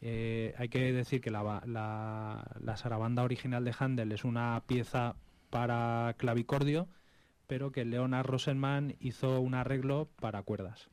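A man talks through film music on a studio radio show. His pitch sits mid-range, and he stops, restarts and hesitates as he explains. The recording is dry and close. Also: little pitch movement, a little slow, a little mellow, clear, resonant tone, no echo. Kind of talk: casual radio talk about film music.

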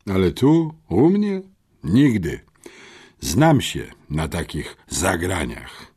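A sneering, suspicious police officer, as a male narrator puts him on, leaning hard on the boys in an audiobook. His voice climbs and drops widely as he mutters and then presses, with a mellow, slightly husky tone. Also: deep voice, huge pitch swings, takes it slowly, exaggerated voice. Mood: mocking. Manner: mocking, mutters, stern interrogator. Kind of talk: audiobook character voice.

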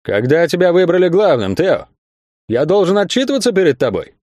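A man's voice: sits high, big pitch swings, a little fast, a little mellow, dry recording, studio quality. A man voicing a greedy, scheming circus owner who blusters indignantly.

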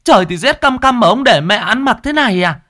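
A man voicing a desperate middle-aged village wife, crying out in shrill pleading scolds. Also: lively intonation, a little fast, fairly bright tone, no room sound, studio quality. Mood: wailing scold. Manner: shrill wailing cries, scolding.

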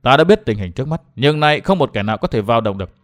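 A man doing a calm, grave young sect leader. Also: racing, natural voice. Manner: calm, low and subdued.

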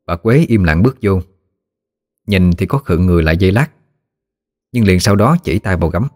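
A man narrating an audiobook story in a steady, descriptive way. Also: deep voice, brisk.

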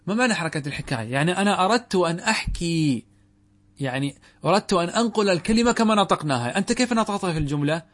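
Fast-talking male grammar teacher. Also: high voice, animated. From Saudi Arabia. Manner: asks students questions and answers them. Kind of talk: classroom lesson explaining a text.

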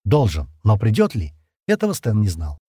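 Male audiobook narrator, lively intonation, slightly husky. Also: on the low side, normal speed, no echo, studio quality. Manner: expressive, lively reading. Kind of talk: scripted narration.

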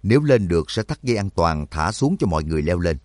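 A grave old monk, read by a male narrator offers to take the risk himself in a low, steady tone. His voice is deep and even, recorded close and dry. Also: fast, no echo. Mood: resolute.

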